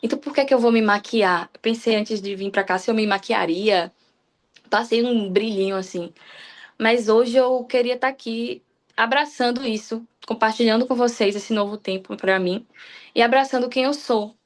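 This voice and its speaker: Speaking at a normal pace in a slightly high voice with fairly even intonation, a young Brazilian woman from Salvador, Bahia, delivers a candid devotional talk. She is a guest preacher on a church livestream and often restarts her sentences.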